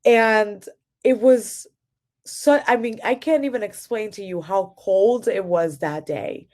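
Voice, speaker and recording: A woman's voice: mid-range voice, slow pace, a little mellow. A woman speaker telling a heartfelt personal story in a conversational way, with fillers and moments where she chokes up. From United States. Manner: emotional, chokes up while telling her story; conversational, many fillers and retold dialogue. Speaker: conference speaker.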